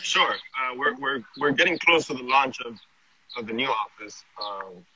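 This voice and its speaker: A man's voice: mid-range voice, lively intonation, moderate pace, sharp tone. A man from Venezuela, a marketing director, talking casually in an interview and often restarting his words. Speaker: guest, digital marketing director. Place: outdoors on a city street. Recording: dull audio with faint noise.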